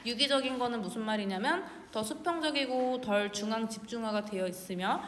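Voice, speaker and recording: A woman's voice: fairly high pitch, slight background noise. Korean woman teaching English in a reverberant room. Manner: casual, asks questions and answers them herself; reads English phrases slowly, then translates. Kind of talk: explaining an English exam passage line by line. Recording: roomy, reverberant with faint ambience.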